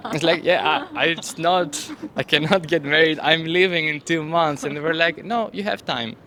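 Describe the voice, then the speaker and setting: A man from Greece, a student, tells his story in an animated, casual way. His voice is bright and fairly high, with faint ambient noise around him. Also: normal speed. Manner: animated, laughs while telling a story. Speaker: student interviewee.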